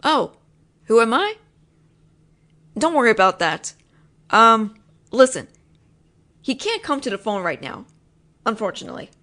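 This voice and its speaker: Pushed and bright, with big pitch swings, a young woman voices a possessive, teasing roommate in an intimate roleplay at a measured pace with frequent pauses. She talks low, lingers, and sometimes sinks to a whisper.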